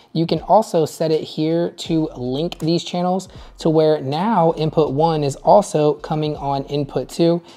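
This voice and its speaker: Recorded on clip-on wireless mics in his living room at home, a thirty-something host of a filmmaking gear channel gives a friendly camera gear tutorial, explaining the settings one step at a time. He speaks with a fairly high voice and a darkish tone.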